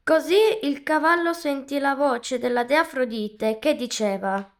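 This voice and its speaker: A woman's voice: high-pitched, a little slow. A woman narrating a children's fable, trading lines with another reader. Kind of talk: reading a story aloud.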